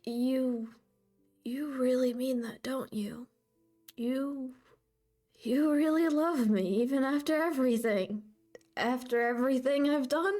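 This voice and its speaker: A woman voicing a weary, frightened young man who is weeping; she speaks haltingly, stammers and drops into whispers. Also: high-pitched, darkish tone, soft background music, voice pushed up. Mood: tearful.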